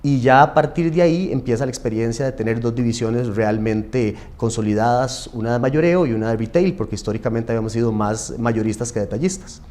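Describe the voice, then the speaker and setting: Costa Rican businessman, mellow storytelling voice. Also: mid-range voice, brisk, few pauses. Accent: Costa Rican Spanish. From Costa Rica. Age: 40s. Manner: conversational, frequent tag questions and fillers. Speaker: family business executive. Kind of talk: interview, storytelling.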